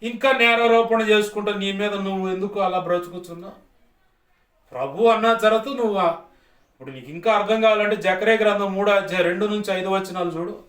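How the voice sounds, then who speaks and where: A man's voice: sits high, fairly quick, fairly bright tone. A man, preaching a sermon as pastor in an emphatic, repetitive cadence. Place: church hall. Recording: echoey church hall, distant mic.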